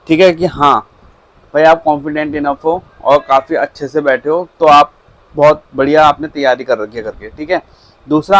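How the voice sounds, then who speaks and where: A man's voice: on the high side, no echo, low-quality recording. A man casually coaching viewers on how to handle job interviews, often checking in with them as he goes. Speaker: career advice vlogger. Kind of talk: casual instructional talk.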